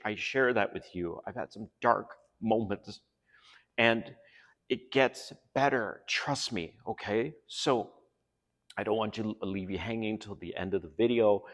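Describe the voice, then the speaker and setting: Candid and earnest, a middle-aged vlog host from Canada swears freely as he talks in a fairly low voice. He's outside beside a residential pool, yet his voice trails off with a long reverb tail.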